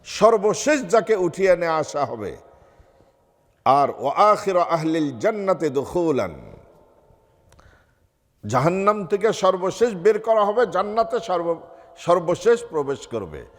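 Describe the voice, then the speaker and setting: A man's voice: high voice, very animated, measured pace, long pauses, long reverb tail. A man giving a sermon as a mufti in a mosque, asking his listeners rhetorical questions and reciting Arabic before explaining it. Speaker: mufti preaching. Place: mosque hall.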